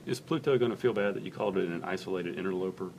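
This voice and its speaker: A man's voice: low voice, very fast, vocal fry, darkish tone, slight background noise. A man interviewing a guest in a casual live-stream chat, asking light, playful questions.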